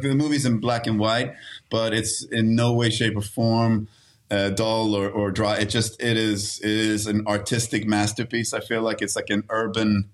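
A man from Sweden in his thirties, an actor talking casually as a guest, with many restarts and fillers. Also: lowish voice. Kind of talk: casual interview talk.

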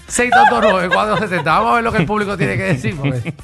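A man co-hosting an afternoon radio show, with a high, gravelly voice that swings all over the place. He jokes and laughs through quick studio banter. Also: lively intonation, loud music behind the voice. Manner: joking, laughs often, reads out the phone number. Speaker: radio co-host.

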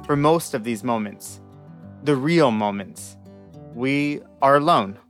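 A man's voice: mid-range voice, expressive, slow, fairly bright tone. Reflective young man narrating over guitar. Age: 20s. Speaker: podcast host. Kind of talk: scripted narration over music, then interviewing.

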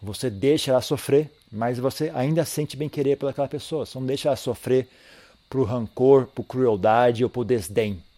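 A man gives a calm, reflective Buddhist teaching, often pausing to repeat himself and ending phrases with a questioning tag. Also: medium pitch. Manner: calm, reflective, tags sentences with "né?"; repeats and restarts phrases while thinking. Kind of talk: dharma talk.

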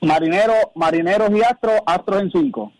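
A man's voice: sits high, normal speed, crowd noise, poor audio. A man with a Puerto Rican accent calling a sports radio show, confident and upbeat with his picks. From Puerto Rico. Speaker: caller. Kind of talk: sports talk radio call.

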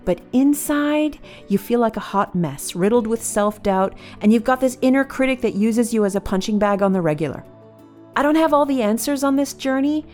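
A woman hosting a podcast, introducing her guests in a bubbly, playful way. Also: a little high. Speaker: podcast host. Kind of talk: podcast intro and casual chat.

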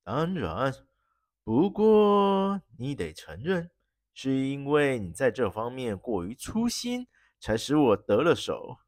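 A storyteller voicing a smug, scheming baron who mocks his rival slowly. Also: big pitch swings, a little mellow, no echo, studio quality. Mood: mocking. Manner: slow, mocking and low. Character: scheming male baron villain, smug and cold. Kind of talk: storybook reading.

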